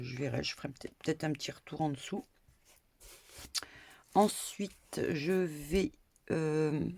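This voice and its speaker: A gravelly-voiced grandmother talks slowly through a crafting tutorial, full of hesitations and little asides. Her chatty manner rambles as she works at her table. Faint hiss and clicks sit behind her voice. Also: sits low, darkish tone. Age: older. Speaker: crafting vlogger. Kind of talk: casual crafting tutorial chat. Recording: faint background noise and clicks.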